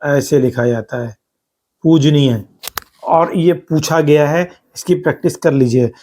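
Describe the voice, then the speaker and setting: A man teaching exam spelling over slides, who repeats words slowly for stress and explains step by step. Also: fairly high pitch, a little mellow. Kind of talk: spoken lesson over slides.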